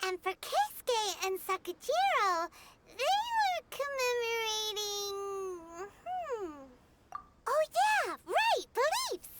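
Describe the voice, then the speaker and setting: A woman voicing a tiny, perky, childlike fairy girl companion in an anime video game, squeaky and excitable. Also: slow pace, background noise, heavily acted. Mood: chatty. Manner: speaks of self in third person, exclaiming.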